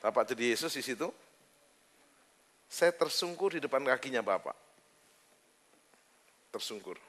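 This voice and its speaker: A man preaching a lively, joking sermon as pastor, bantering with the congregation on a handheld mic. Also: medium pitch, a little slow. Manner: joking, teasing, talks casually with listeners. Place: church service hall.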